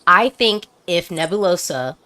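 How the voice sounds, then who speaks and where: A woman's voice: lowish voice, lively intonation, unhurried, sharp tone. A woman hosting a casual video-call chat, talking emphatically with frequent restarts. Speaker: host.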